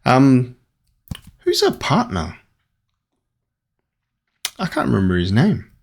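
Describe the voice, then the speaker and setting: An Australian man chatting casually while opening trading card packs, rambling and getting excited at good pulls. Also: medium pitch, takes it slowly, creaky, slightly rough. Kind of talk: casual unboxing commentary.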